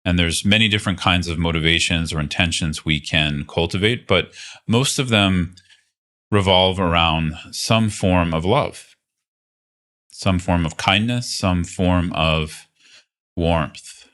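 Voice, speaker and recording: Here a teacher with a deep voice guides a meditation, his delivery soft and unhurried, with long silences between phrases.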